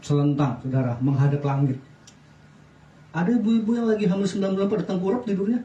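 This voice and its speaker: A middle-aged man preaching a sermon as pastor, lively, often asking the congregation questions. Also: high-pitched, quick pace, highs cut off. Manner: lively preaching with wide swings in loudness, asks the congregation questions. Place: church. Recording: echoey church sound from a distance.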